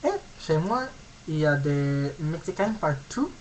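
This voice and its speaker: A young man from California in his late teens with an American accent, a native English speaker giving a halting, casual self-introduction on his vlog as he searches for words. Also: a little high, lively intonation, slight background noise, low-quality recording. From California, USA. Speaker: vlogger.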